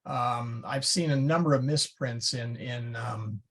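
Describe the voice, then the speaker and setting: Guy teaching a latin class, slow and chatty, keeps correcting himself, kinda raspy voice. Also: mid-range voice, fairly bright tone. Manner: casual, self-correcting, chatty explanations. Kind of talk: classroom lecture. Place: church classroom.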